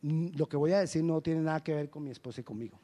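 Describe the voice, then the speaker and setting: Pastor guy preaching, high voice, animated and jokey, plays out the back-and-forth. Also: fast. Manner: lively, acts out quoted dialogue with humor. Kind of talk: sermon.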